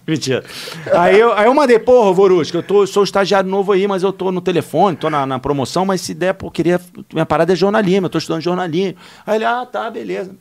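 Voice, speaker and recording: A man, telling animated, slangy stories as a podcast guest. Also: high voice, fast, gravelly. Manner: animated, slangy, laughing through anecdotes. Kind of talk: casual storytelling.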